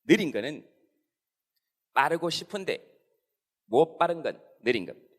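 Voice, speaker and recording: A man's voice: fairly high pitch, moderate pace. A man giving a playful, satirical stand-up talk to a live audience in a large hall. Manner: animated, playful, quoting insults in mock voices. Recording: long hall reverb.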